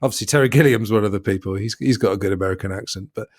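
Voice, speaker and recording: A man hosting a podcast, chatting about a comedy film in an opinionated, relaxed way. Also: fairly low pitch, rapid-fire, no echo, clean studio sound. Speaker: podcast host. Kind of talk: casual film review chat.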